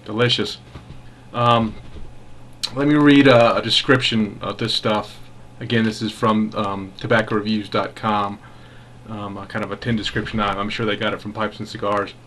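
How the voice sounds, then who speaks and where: A man's voice: fairly low pitch, flat delivery, a bit bright. Man musing unhurriedly in a casual review. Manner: unhurried, halting, musing delivery. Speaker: pipe tobacco reviewer.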